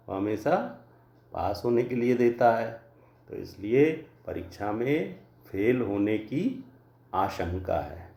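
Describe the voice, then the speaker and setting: Slow, gravelly male grammar teacher. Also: on the low side, mellow, roomy sound. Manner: slow, deliberate explaining with examples. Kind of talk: classroom lecture.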